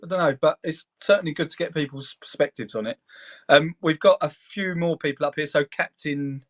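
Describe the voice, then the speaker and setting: A man's voice: on the high side, brisk, a bit bright. A man hosting a casual live audio chat on his phone, talking in a hesitant, self-deprecating way.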